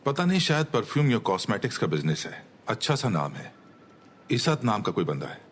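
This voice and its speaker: A man's voice: fairly low pitch, big pitch swings, fairly quick, a little hiss or hum. A man dubbing a tired station owner who wants to sell his failing business, speaking in a resigned, dismissive way. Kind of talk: dubbed TV drama.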